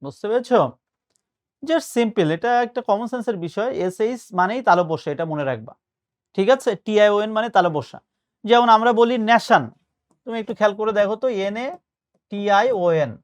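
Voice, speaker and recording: A man's voice: high voice, quick pace. A male tutor giving a patient spoken lesson, explaining and mixing in English words. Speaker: admission test tutor.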